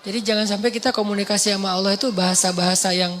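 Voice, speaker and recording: A man giving a casual, conversational sermon as a preacher, swinging between loud emphasis and soft asides. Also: sits high, steady tone, racing. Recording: echoey hall with faint noise.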